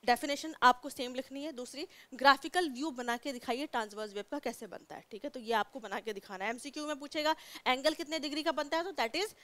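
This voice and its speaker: A young Indian woman gives a classroom science lesson in a high, light voice. She explains patiently, point by point, repeats the key terms and keeps checking that students follow. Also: quick pace, few pauses, a bit bright. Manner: explains step by step, repeats key words, checks in with 'theek hai'. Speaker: science teacher.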